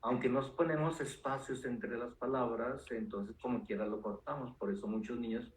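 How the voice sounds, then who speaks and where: Calm explaining man, roomy echo. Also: medium pitch, normal speed. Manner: calm, explanatory, with frequent fillers. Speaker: neuropsychologist guest. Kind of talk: explanatory interview talk. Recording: roomy echo with faint noise.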